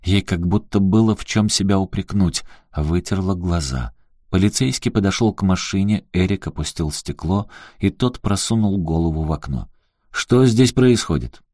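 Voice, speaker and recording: A man reading a novel aloud as an audiobook narrator, in a measured, even way. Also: deep voice, no room sound, clean studio sound. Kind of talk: scripted narration.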